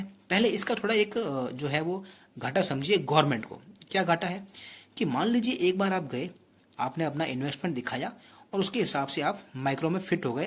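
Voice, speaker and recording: Male tutor with a slightly husky voice, explaining patiently and quizzing the class. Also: fairly high pitch. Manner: explanatory, addresses students directly with rhetorical questions. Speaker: teacher. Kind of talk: exam-prep lecture.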